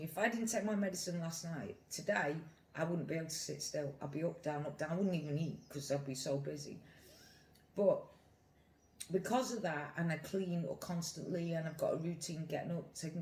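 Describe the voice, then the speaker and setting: Recorded in an echoey room with a bit of background noise, this British mukbang vlogger shares opinions to camera in a loose, rambling way, repeating phrases for emphasis; the voice sits mid-pitch and sounds slightly mellow.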